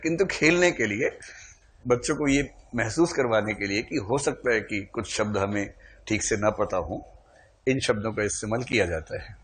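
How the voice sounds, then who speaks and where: A man teaching a classroom lecture, playfully quizzing his students and calling on them to answer. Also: fairly low pitch.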